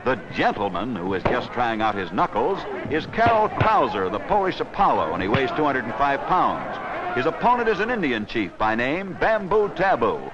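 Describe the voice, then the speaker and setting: On a noisy, dull 16mm newsreel soundtrack from the 1940s, a man delivers scripted wrestling commentary full of wisecracks, theatrics, and slang. His mid-range voice swings widely in pitch, and he talks at a normal speed.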